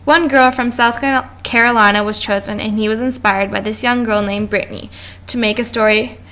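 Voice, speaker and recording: A woman reads her class presentation aloud from notes in a fairly high voice. She trips on a word now and then and restarts it before carrying on. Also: steady tone, fairly quick, sharp tone. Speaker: student presenter.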